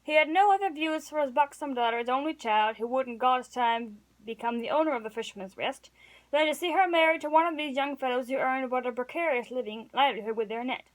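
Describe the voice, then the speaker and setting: Woman narrator, high voice, amateur read-aloud with self-corrections. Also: expressive, a little fast, poor audio. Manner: stumbles and corrects words while reading. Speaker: reader.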